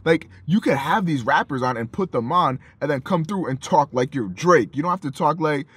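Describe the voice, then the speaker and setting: A man co-hosting a casual music review chat, animated and profane, acting out his own reactions. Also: a little high, moderate pace, breathy edge. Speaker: co-host of a music review show.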